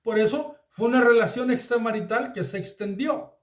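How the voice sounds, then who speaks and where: Man, Bible teacher, earnest sermon, high voice, echoey room. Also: normal speed. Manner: earnest, addresses listeners as beloved.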